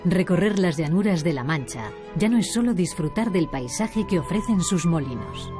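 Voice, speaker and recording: A woman reading scripted documentary narration in a calm, measured manner. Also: on the low side. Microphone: studio voice-over. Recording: voice-over with music behind.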